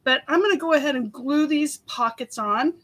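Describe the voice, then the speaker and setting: Giggly high-voiced woman teaching crafts. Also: normal speed, fairly bright tone, rough recording. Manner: giggly, chatty, laughs often while explaining. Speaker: craft tutorial host. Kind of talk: live craft demonstration chat.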